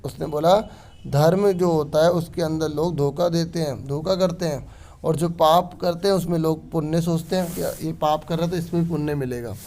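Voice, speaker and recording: Male teacher, fairly high voice, patient worksheet walkthrough; slow reading, casual explaining. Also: fairly even intonation, a little mellow. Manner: reads Sanskrit slowly then explains in quick casual Hindi, with frequent "theek hai". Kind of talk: explaining a Sanskrit worksheet to students.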